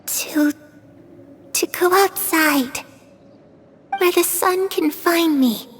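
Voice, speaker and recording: A woman's voice: very high voice, very slow, slight background noise, full character voice. A woman voicing an innocent yet eerie little ghost girl, wistful and secretive, in a video game. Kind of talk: scripted video game voice acting.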